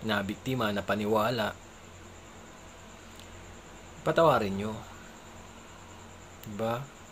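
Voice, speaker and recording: Man vlogger giving casual advice in a mid-pitched voice. He keeps checking for agreement and chuckles now and then. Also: slight background noise. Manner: conversational, keeps asking "di ba?" for agreement; chuckles between remarks. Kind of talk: casual chat.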